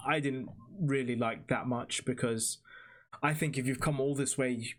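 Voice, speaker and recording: A man co-hosting a casual podcast chat. He talks at an ordinary middle pitch and explains things at length, with plenty of ums and restarts. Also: fairly even intonation, a little slow, fairly bright tone. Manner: chatty, explains at length with fillers. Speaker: podcast co-host.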